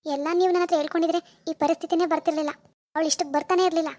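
A woman's voice: very high-pitched, fairly even intonation, very fast, a little mellow. A woman voicing a fierce, loyal young wife in a cartoon, scolding and firm. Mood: reproachful. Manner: scolding, then firm and reassuring. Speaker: narrator who greets viewers. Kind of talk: cartoon voice acting.

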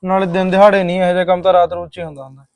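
A man's voice: sits high, flat delivery, racing, smooth, no room sound, lightly acted. Man playing a grumbling young Punjabi husband. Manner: grumbling, defensive. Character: young addicted husband, weary and evasive. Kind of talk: short-film drama acting.

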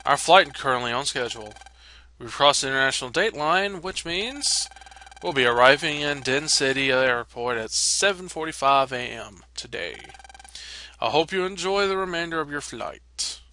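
A man voicing a male airline captain who makes a cabin announcement in a steady, slightly lowered delivery. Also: moderate pace, slight background noise. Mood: announcing. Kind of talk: reading game dialogue aloud.

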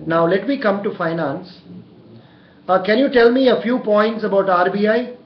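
In a small indoor room, an older man with an Indian accent plays interviewer and career coach in a mock job interview by telephone. His slightly high voice moves at a moderate pace, and he encourages the candidate with frequent short approvals. The room makes the audio echoey and somewhat dull.

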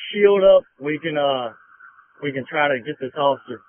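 Over a handheld police radio, a male officer at an emergency scene barks urgent, terse commands again and again. His voice is fairly high and animated at a normal pace, with no echo, and the audio has the tinny, band-limited sound of police radio.

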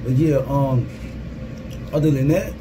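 A man in his thirties talks informally as a gaming creator updating his followers. His voice sits at a middle pitch and he circles back over his phrases. The phone recording, made in a small booth, carries clear ambient and vehicle noise. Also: a little slow. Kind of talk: casual vlog update. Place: small security guard booth.

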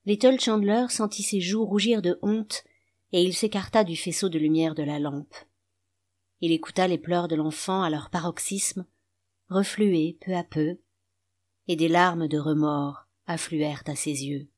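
Calm low-voiced woman reading a story. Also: a little slow. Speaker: audiobook narrator. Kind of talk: scripted literary narration.

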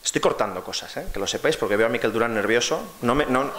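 A young man, the outgoing secretary general, giving an impassioned farewell speech at a party congress. He speaks into a lectern microphone and builds to loud, emphatic cries. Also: mid-range voice, expressive, fast, slight background noise. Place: congress hall, speaking to an audience.

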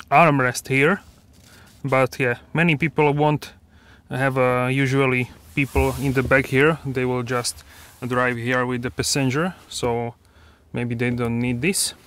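A car reviewer with a smooth, mid-range voice does a casual walkaround review, filmed on a handheld phone camera. He starts inside a parked car and then moves outdoors to a dealership lot, talking in a relaxed, halting way with many fillers and restarts.

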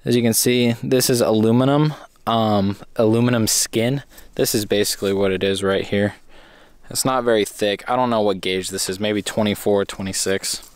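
A young man casually walking through his homemade camping trailer outdoors, chatty and relaxed, often correcting himself mid-sentence. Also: mid-range voice, clean tone, no echo. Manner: relaxed and chatty, with frequent fillers and self-corrections. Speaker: DIY trailer builder giving a walkaround. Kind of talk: casual off-the-cuff walkaround. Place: outdoors at a campsite.

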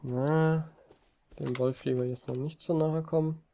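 A man giving relaxed, rambling commentary over a video game from his desk, with frequent hesitations. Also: fairly high pitch, unhurried, creaky. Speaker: let's play gamer. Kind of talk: casual gameplay commentary. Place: home desk. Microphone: desk mic on a stand.

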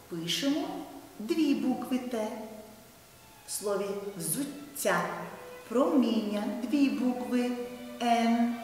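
A woman teacher speaking slowly to young children, her low-set voice rising and falling in a lively sing-song. She sounds far from the mic in a long, echoing hall, with soft music playing underneath. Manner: slow, sing-song, addresses children directly. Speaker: primary school teacher. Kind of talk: video lesson for first graders.

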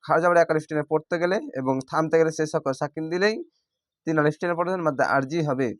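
Slow, syllable-spelling male Quran teacher. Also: on the high side, no echo, clean studio sound. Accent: Bangladeshi Bengali. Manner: slow, drawn-out syllable-by-syllable spelling with recited words. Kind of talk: spelling-out Quran recitation lesson.

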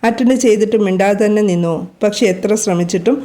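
A woman reading a romance story aloud in a gentle, steady narration. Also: mid-range voice, fast talker.

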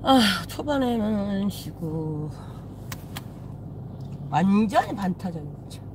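A woman's voice: mid-range voice, expressive, slow, noisy background. A woman shaman hosting a casual live stream, chatting with viewers, greeting them and swearing casually. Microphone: phone.

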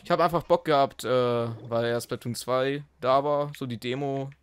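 A man hosts an online game video, talking casually and joking in an excitable way with his co-players. His voice sits at an ordinary middle pitch, and he speaks into a headset. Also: moderate pace, smooth. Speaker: let's play host. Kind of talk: casual gaming commentary.

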